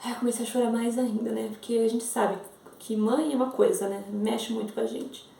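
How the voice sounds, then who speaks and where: A woman's voice: a little high, steady tone, brisk, creaky, dark tone, roomy sound, recorded from a distance. A Brazilian woman in her thirties telling her viewers an emotional personal testimony. She speaks earnestly, repeats phrases and addresses them directly. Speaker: mother sharing a faith testimony.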